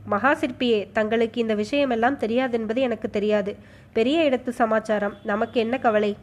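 A woman voicing a scheming male Buddhist monk who sneers and insinuates in a smooth, sly way. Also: on the high side, steady tone, normal speed, close to an everyday voice. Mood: insinuating.

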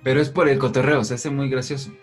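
Relaxed young Mexican man explaining. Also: mid-range voice, fast talker, soft background music. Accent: Mexican Spanish. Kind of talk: casual conversation.

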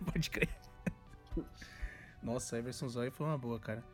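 A young man co-hosting a podcast speaks in a medium-pitched voice at an unhurried pace over soft background music. He jokes around casually, rambling and repeating himself in slangy street talk.

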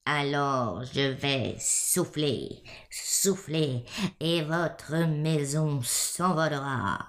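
A woman voicing a sly, hungry male wolf in a bedtime story, with a slow, menacing drawl. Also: sits low, pitched below the performer's own voice, heavily acted.

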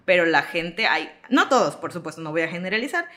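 A young woman from Yucatán, Mexico, a content creator chatting in an interview, with a softened Yucatán accent, laughing often and acting out quoted dialogue. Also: on the low side, sing-song, fairly quick. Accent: Yucatán Spanish, softened. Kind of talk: casual interview chat.

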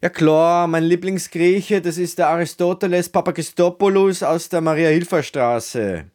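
Man voicing a cheery studio technician, raised pitch, unhurried and mock-dignified. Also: darkish tone, natural voice. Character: chipper Viennese male sound engineer.

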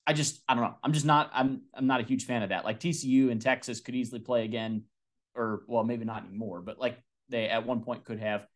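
A young man talks sports on a casual podcast. His pitch sits in an ordinary middle range. He jumps in animated, full of "like" and quick restarts. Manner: animated, many fillers and restarts. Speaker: podcast co-host.

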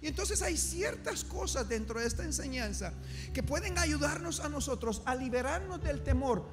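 A man preaching a sermon to a congregation, fervent and full of call-and-response, with shouted peaks and joking asides. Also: very high voice, expressive, moderate pace. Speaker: pastor. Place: church service before a congregation. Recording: music playing behind the preaching.

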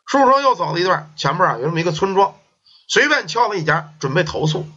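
A man telling a folk ghost story in a lively, colloquial storytelling manner. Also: sits high, fast. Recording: dull lo-fi recording.

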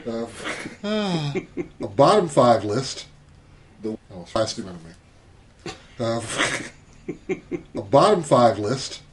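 A man's voice: mid-range voice, slow pace, pauses often, background noise. Easygoing man talking football. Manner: relaxed, hesitant with many fillers. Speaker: podcast co-host. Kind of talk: casual sports chat.

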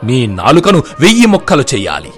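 A man's voice: on the high side, big pitch swings, a little slow, fairly bright tone, faint music behind. A man voicing an arrogant, scornful king who taunts and jeers with insults.

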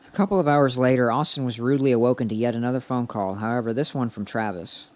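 A man co-hosts a podcast, reading out a sponsor plug and a story in a loose, filler-heavy style full of swearing. His voice is mid-range, fast and a little mellow.

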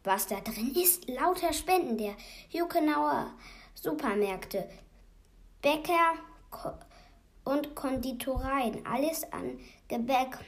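A woman playing jittery, hurried Max. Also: sits high, lively intonation, voice pushed up, heavily acted. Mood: agitated. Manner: agitated, hushing. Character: nervous, hurried male organizer.

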